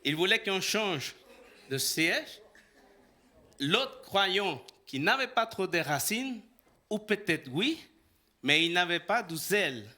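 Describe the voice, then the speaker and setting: A man's voice: high voice, big pitch swings, slow pace, long pauses, pushed and bright. A man from El Salvador, a preacher telling a personal story in a sermon, acting out the dialogue and laughing often.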